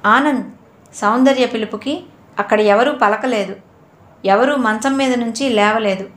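Woman narrating a novel, fairly high voice. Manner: steady, measured storytelling. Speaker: audiobook narrator. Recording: roomy echo.

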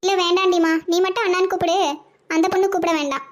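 A woman's voice: very high-pitched, fairly even intonation, quick pace, pitched above the performer's own voice. A woman voicing a fond, chatty elderly mother who dotes on young women and mutters to herself. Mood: doting. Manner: doting, sighing, talks to herself. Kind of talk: cartoon voice acting.

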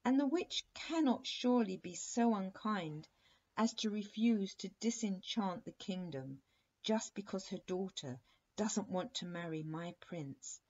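A woman voicing an eager, cheerful little princess girl in a bedtime storybook, raised high and loud, on a dull lo-fi recording. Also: measured pace. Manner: bright, gushing, high and loud.

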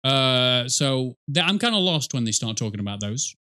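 Sitting close to the mic in a small room, a middle-aged reaction host gives rambling, sarcastic, sweary gaming commentary. His mid-range voice is bright and forceful, with lively intonation and a moderate pace.

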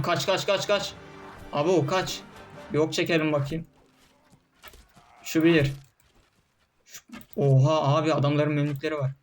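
A young man doing casual gameplay commentary, often frustrated, cursing and barking orders at his troops. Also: on the high side. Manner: frustrated, swearing, talking to game troops.

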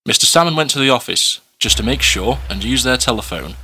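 Bright-voiced male story narrator. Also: medium pitch, animated, brisk, slight background noise, rough recording.

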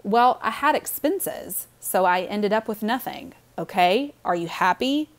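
A woman voicing a guilty, defensive young boy in a storybook reading, loud and exasperated. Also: medium pitch, animated, measured pace. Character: boy Evan, guilty, defensive older brother.

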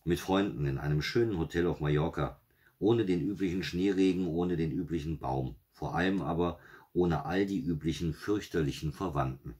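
A man's voice: sits low, moderate pace, warm tone. A man reading his own first-person story aloud in a dry, wry manner.

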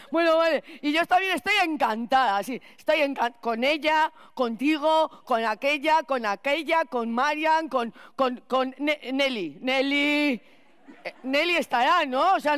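A woman's voice: high-pitched, dry recording. Woman playing a flustered, rambling school cleaner. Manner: rambling, code-switching, restarts and loud outbursts. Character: scatterbrained chatty female school cleaner, flustered. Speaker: clown performer. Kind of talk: improvised clown stage monologue.

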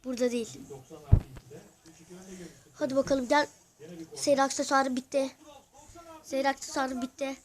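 A host giving live gameplay commentary to viewers, excitable and crying out when losing, asking for likes and subscribes. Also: high-pitched, normal speed, pauses often. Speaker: gaming channel host.

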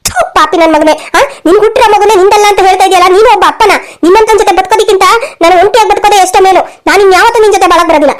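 A woman's voice: very high-pitched, rapid-fire. A woman voicing a young pregnant wife in a cartoon, with a pleading, tearful manner. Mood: defiant.

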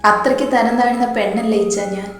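A hurt, proud young woman, as a woman narrator reads her, earnest and pleading, with a somewhat high voice. A long, roomy reverb hangs over every word, and faint music runs underneath. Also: fairly even intonation, brisk, natural voice. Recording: echoey hall with soft music.

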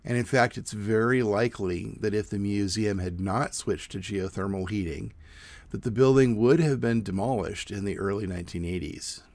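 A middle-aged man giving a measured, plain informative presentation outdoors. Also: fairly low pitch, a little mellow, no room sound. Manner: measured, plain explanatory delivery. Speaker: student presenter. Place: outdoors in front of a brick building.

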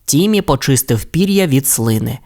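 A man narrating a children's audio tale in an expressive, friendly way. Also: medium pitch, normal speed. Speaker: storyteller. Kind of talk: scripted children's story narration.

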